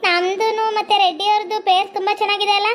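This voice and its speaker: A woman's voice: very high-pitched, flat delivery, fast, fairly bright tone. A woman voicing a whiny, melodramatic young bride. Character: young new bride Sweety, whiny and dramatic.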